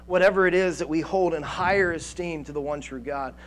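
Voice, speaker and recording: A man in his thirties preaching a sermon on a church stage through a headset mic, animated, with frequent restarts and fillers. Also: fairly high pitch, a little fast. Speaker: pastor. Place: church stage with band gear, indoors.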